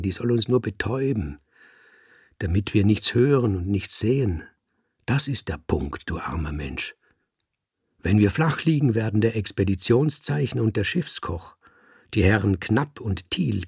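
A man's voice: fairly low pitch, sing-song, a little slow, creaky, slightly rough, dry recording, studio quality, heavily acted. A man voicing a scheming ship's mate with a thin, whispering voice in a storybook reading. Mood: insinuating.

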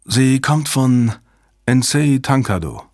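A man voicing a tired female cryptographer who speaks in a quiet, weary way. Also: lowish voice, unhurried, no room sound, clean studio sound.

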